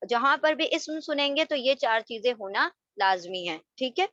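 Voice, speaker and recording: A woman's voice: high voice, expressive, moderate pace, a bit bright, no room sound. Woman teacher explaining grammar, dull audio. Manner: explains step by step, many fillers and English terms. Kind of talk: grammar lesson lecture. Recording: dull, lo-fi sound.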